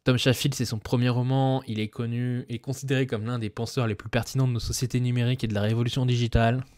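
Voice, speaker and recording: A man's voice: mid-range voice, level tone, quick pace, a little mellow, dry recording, clean studio sound. A man chatting casually about his monthly reading plans, rambling with many fillers and restarts. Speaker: booktuber; web developer. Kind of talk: casual book chat.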